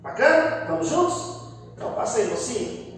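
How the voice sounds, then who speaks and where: Man, grammar teacher, high voice, encouraging, distant mic in a long-reverb room. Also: normal speed, a little hiss or hum. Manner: lively and encouraging, often checks in with listeners. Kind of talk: grammar lesson.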